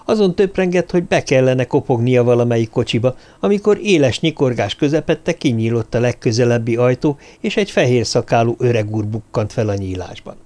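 A man reading an audiobook novel in measured, even narration. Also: medium pitch. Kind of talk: scripted narration.

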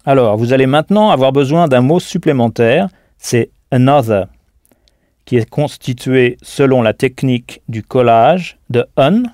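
A language teacher guides a recorded audio lesson, speaking patiently and deliberately and spelling words out letter by letter. His mid-range voice is mellow and dark-toned, recorded close and dry with no room sound.

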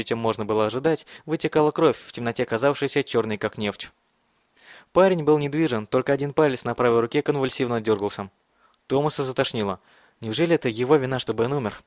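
A man reads an audiobook in a measured, dramatic way. His voice sits at a middle pitch for a man. The recording is dry and close, with no room sound. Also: dry recording. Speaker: narrator. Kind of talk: audiobook reading.

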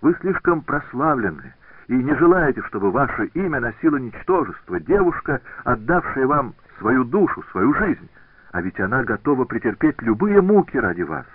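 A man's voice: mid-range voice, very animated, normal speed, breathy edge, dry recording, pitched above the performer's own voice. A man voicing a jealous, tearful young woman in an audiobook reading, pleading and boasting by turns. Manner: pleading, then teasing and indignant. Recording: tinny phone-like dry recording.

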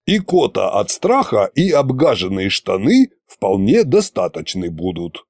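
A man's voice: fairly low pitch, huge pitch swings, measured pace, a little mellow, slightly rough, no echo, heavily acted. A man voicing Koschei, a boastful, scheming old tsar-sorcerer who grumbles in folksy phrases, in an audiobook. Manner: grumbling, folksy, self-satisfied.

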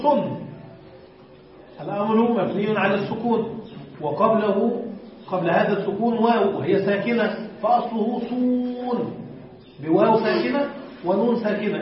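High-voiced male teacher in an echoey room. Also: a little hiss or hum. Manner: explains step by step, quizzes students, drags out example words. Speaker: teacher of Arabic morphology. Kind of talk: classroom lesson. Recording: echoey room, distant dull lo-fi mic.

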